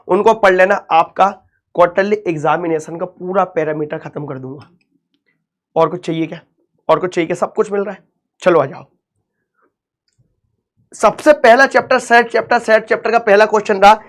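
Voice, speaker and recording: A young man teaching maths to students in a chatty, repetitive exam-prep lecture, coaxing them along. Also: sits high. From India.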